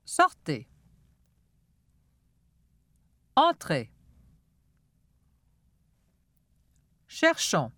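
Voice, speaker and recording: A woman's voice: on the low side, wildly swooping pitch, slow, fairly bright tone, no echo, clean studio sound. Woman carefully pronouncing drill phrases. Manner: careful, distinct articulation of short phrases. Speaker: language lesson speaker. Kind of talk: slow model pronunciation for a language drill.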